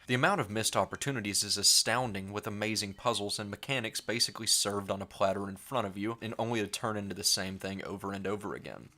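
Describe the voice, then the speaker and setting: A man in his thirties narrating a scripted video essay as a game reviewer, articulate and measured in his critique. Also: sits low, sharp tone.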